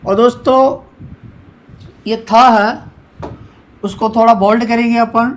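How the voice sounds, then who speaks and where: A man's voice: extremely high pitch, steady tone, takes it slowly. A man teaching a shorthand lesson, asking questions and answering them himself while he repeats each point. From India. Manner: repetitive, asks and answers his own questions. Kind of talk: classroom lesson, explaining at a board.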